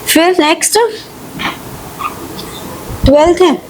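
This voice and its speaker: A woman's voice: very high voice, fairly even intonation, slight background noise, rough recording. A woman accountancy teacher, working through journal entries step by step and often checking whether students follow. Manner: reads question text slowly, then explains in quick Hindi-English mix; checks understanding with frequent "ठीक है" and questions. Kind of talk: live online class, solving problems step by step.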